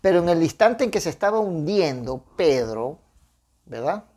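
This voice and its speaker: A man's voice: a little high, big pitch swings, normal speed, darkish tone. A man delivers a short devotional sermon in a conversational tone. He reads scripture and then reflects on it, addressing his listeners directly and often asking them to agree. His phrasing is loose, with restarts along the way. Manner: conversational, with frequent tag questions and restarts. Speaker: preacher. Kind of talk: informal devotional sermon with Bible reading.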